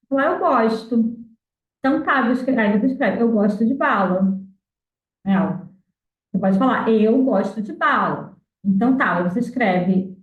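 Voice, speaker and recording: A Brazilian woman explaining how she taught her son to read, patient and explanatory with frequent fillers. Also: fairly high pitch. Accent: Brazilian Portuguese. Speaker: mother teaching her child to read. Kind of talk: explanatory talk on literacy. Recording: echoey, distant, phone-like audio.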